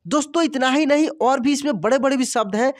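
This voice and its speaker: A man's voice: very high-pitched, a little fast, no room sound, clean studio sound. A man teaching a reading lesson to viewers, reading words out one at a time and often calling them friends.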